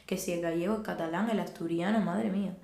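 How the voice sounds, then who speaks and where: A woman's voice: lowish voice, fast, vocal fry. A young woman with a Cuban Spanish accent, chatting casually as a podcast guest and acting out quoted dialogue as she tells stories. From Cuba. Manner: animated storyteller, acts out quoted dialogue. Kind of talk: casual chat. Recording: roomy echo.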